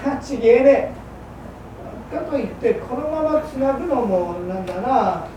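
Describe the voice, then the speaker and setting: Woman doing a rough old-Edo fishmonger, clipped and blunt; distant, echoey hall. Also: a little high, lively intonation, normal speed, dark tone, dull audio, natural voice. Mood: easygoing. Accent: old Edo Tokyo working-class. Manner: gruff, clipped, rough-spoken. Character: hard-drinking male fishmonger, rough, boastful, then repentant. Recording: roomy hall from far off, faint hum.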